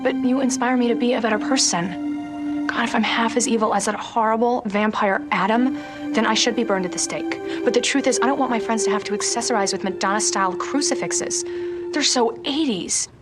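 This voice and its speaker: An actress playing a bossy, catty popular teen girl with a sharp, sarcastic, theatrical way of talking. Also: a little high, brisk, close to an everyday voice. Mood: earnest. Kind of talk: TV comedy-drama acting. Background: music.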